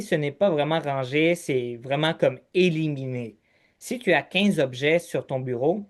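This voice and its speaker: A man with a Québécois accent hosting a podcast, walking the listener step by step through points in casual chat. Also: on the high side. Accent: Québécois French. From Quebec. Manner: structured, listing steps, talks to listener directly. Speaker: podcast host.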